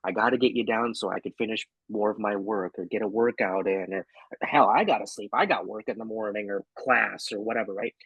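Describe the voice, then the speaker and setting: A man's voice: on the low side, fairly even intonation, brisk, a bit bright, husky, no echo, highs cut off. A man co-hosting a workshop over a video call, telling a personal story in a candid, casual way with the odd swear word. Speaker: workshop co-host.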